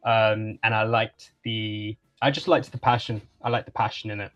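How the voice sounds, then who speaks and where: A man's voice: on the low side, flat delivery, moderate pace, a bit bright, lo-fi sound. Hesitant young man on a video call. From England. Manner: hesitant, many fillers and restarts. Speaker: guest. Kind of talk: casual interview conversation.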